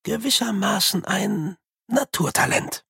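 The reader voicing an old sweeper monk with a wise, quiet temper, speaking slowly and softly in an audiobook. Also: medium pitch, creaky, husky, no echo, clean studio sound, voice pushed up, exaggerated voice. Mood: musing.

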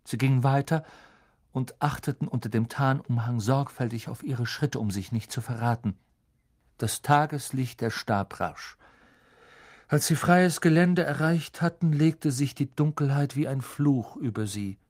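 A man narrating a children's fantasy novel in a dramatic, expressive storytelling manner. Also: medium pitch, unhurried. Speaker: audiobook narrator. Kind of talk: scripted narration.

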